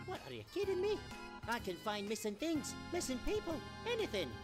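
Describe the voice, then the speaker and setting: A pushy, talkative fortune-teller machine, voiced by a woman for a fan-made game voice mod. Its voice sits high and leaps wildly up and down as it eagerly offers readings. Game music plays clearly behind it. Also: very animated. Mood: cheerful. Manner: eager, pushy, quick to laugh.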